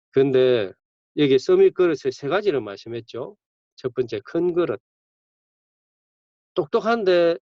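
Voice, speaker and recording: A man's voice: medium pitch, a little mellow, no echo. A male campus ministry pastor, preaching conversationally with sudden bursts of emphasis. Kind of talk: sermon. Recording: dull dry lo-fi recording.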